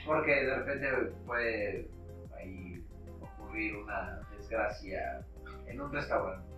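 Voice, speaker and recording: A man's voice: lowish voice, slow pace, sharp tone. A man with a Mexican accent chatting casually and with slang as a podcast co-host. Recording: muffled, very echoey room, distant mic, music.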